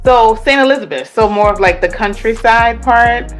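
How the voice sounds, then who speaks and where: A Jamaican woman, a guest entrepreneur in a casual interview, tells her story with animation, acting out the voices of the people she quotes. Her pitch is fairly high and her pace moderate, with soft music playing behind her.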